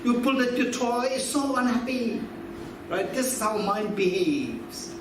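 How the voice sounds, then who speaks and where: With an extremely high, animated voice and a measured pace, a man in his fifties teaches Buddhist philosophy conversationally, quizzing the audience and repeating key phrases. The hall is echoey, and he is picked up from far away amid background noise.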